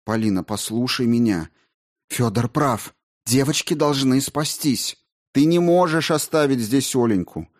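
A man voicing a resolute aunt who speaks firmly yet gently and with urgency. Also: mid-range voice, unhurried, pitched above the performer's own voice, natural voice. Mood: urgent. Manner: urgent, firm and gentle at once. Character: middle-aged aunt, resolute yet tender woman.

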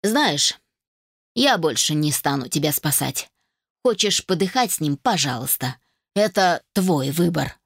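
A woman's voice: low voice, animated, unhurried, no room sound, studio quality, exaggerated voice. A woman reading an audiobook voices a jealous young man who talks with bitter spite. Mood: sneering.

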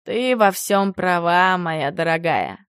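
A woman voicing a jealous, grumbling werewolf husband in an audiobook, gruff and exasperated. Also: high-pitched, slow, a bit bright, dry recording, studio quality. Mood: softened. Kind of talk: audiobook character reading.

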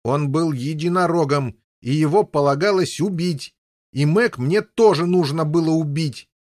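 A man's voice: fairly high pitch, normal speed, darkish tone, no room sound, studio quality, voice pushed up, close to an everyday voice. A man reading an audiobook, voicing Agravaine, a cruel older boy with a frantic, wailing delivery.

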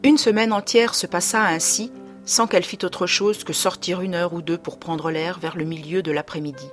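A woman narrating a classic story as an audiobook reader, clear and expressive. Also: on the low side, normal speed, faint music behind. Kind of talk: scripted narration.

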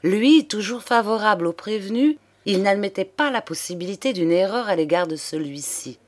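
A woman narrating a detective novel aloud in an expressive, steady way. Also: medium pitch, moderate pace. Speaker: audiobook reader. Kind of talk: literary narration.

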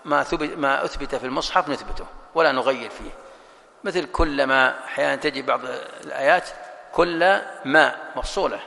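Gravelly, bright-voiced man teaching a text. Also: medium pitch, fast talker, long reverb tail. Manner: explanatory, asks and answers his own questions. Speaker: sheikh teaching a religious text. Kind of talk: classroom lecture explaining a text.

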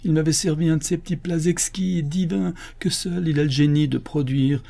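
A man's voice: a little high, steady tone, a little fast, vocal fry, mellow, pitched above the performer's own voice. A man voicing a gluttonous older canon who wails over lost meals, in an audiobook reading. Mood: lamenting. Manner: anguished, theatrical lamenting. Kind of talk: audiobook reading of a classic novel.

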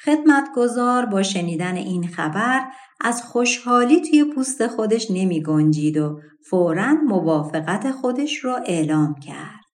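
A woman narrates a folk tale audiobook. Her reading is expressive and measured. Her voice sits at a middling pitch. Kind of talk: storybook narration.

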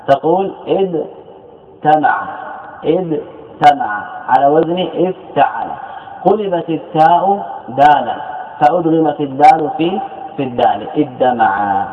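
A male scholar giving a classroom lecture, explaining a verse text and repeating each example word several times. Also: on the high side. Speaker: Islamic scholar teaching grammar. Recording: echoey hall on a tinny lo-fi line with faint noise.

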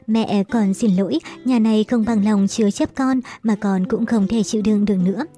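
A proud young son from a wealthy house, firm and grieving as he speaks, read by a woman. His voice is mellow and soft-edged. Faint music plays under the storybook reading. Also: medium pitch, fairly even intonation, normal speed, natural voice. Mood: sorrowful. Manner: resolute, grieving. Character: proud wounded young man, a rich family's son.

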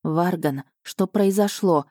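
A woman voicing a sharp-tongued young heroine who teases and mocks her dragon fiancé. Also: lowish voice, takes it slowly, no room sound, clean studio sound. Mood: alarmed. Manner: teasing, sarcastic, indignant. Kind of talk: audiobook character voice.

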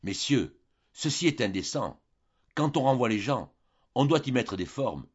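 A timid old gentleman boarder, plaintive and prim as he protests, voiced by a male audiobook reader. The voice is lively in pitch and a little husky. It comes through a muffled, dull-sounding recording. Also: a little slow. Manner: plaintive, indignant. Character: timid elderly male boarder, pitiful but indignant. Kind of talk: audiobook character voice.

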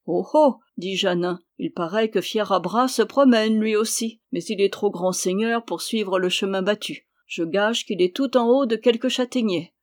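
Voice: mid-range voice, normal speed, few pauses, natural voice. A reader voicing a blunt, loyal man-at-arms in an audiobook, speaking plainly and directly. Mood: wry. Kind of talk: audiobook character reading.

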